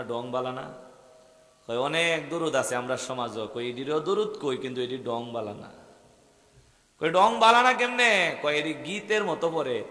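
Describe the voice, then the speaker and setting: A man's voice: medium pitch, bright, forceful tone. A man with a Bangladeshi accent preaching a waz sermon to a gathering, rhythmic and rousing, calling questions out to the crowd. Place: religious gathering. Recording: echoey open-air mahfil with long reverb.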